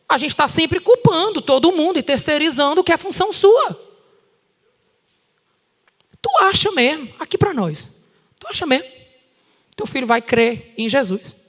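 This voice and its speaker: A Brazilian woman preaches with a high voice and a long hall reverb around her. She talks to the crowd directly, scolding with a humorous edge. Her delivery is animated and emphatic. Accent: Brazilian Portuguese. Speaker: conference preacher. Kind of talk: sermon. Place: large church hall.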